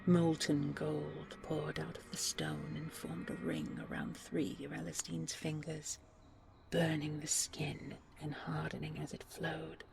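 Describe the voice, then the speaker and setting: A woman storyteller narrates a scripted bedtime fairy tale, her voice soft, breathy, soothing and unhurried. It sits low, with little pitch movement.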